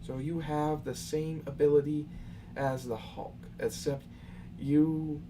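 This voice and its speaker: With a fairly high, steady voice at a slow pace, a young man fields his viewers' questions in a casual live stream. He talks loosely and lectures them in a somewhat exasperated way. The recording is far-miked with faint background noise.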